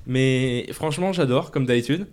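A man's voice: medium pitch, normal speed, a little mellow, clean tone. A man hosting a radio show, making upbeat announcements about a new release. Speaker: radio host. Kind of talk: casual radio chat.

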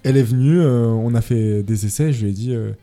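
A man's voice: medium pitch, brisk. A young man telling a radio host how he made a track, full of hesitations and fillers. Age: young adult. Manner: hesitant, many fillers, lively storytelling. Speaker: music producer guest. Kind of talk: casual radio interview.

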